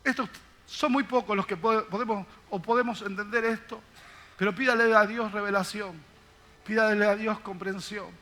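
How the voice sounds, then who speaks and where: High, bright-voiced older man preaching. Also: fairly even intonation, normal speed. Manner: emphatic, repetitive preaching, addressing the congregation. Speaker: pastor. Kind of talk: sermon. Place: church service.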